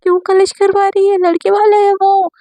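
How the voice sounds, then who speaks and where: A woman's voice: extremely high pitch, little pitch movement, normal speed, dark tone, dry recording, voice pushed up. A woman voicing a young bride who scolds and pleads with her sister. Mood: exasperated.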